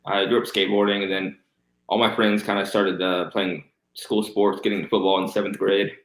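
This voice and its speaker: A man's voice: sits low, flat delivery, fairly quick. A man of thirty with missing front teeth, chatting casually as an interview guest. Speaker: guest, professional BMX stunt rider and reptile keeper. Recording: roomy echo.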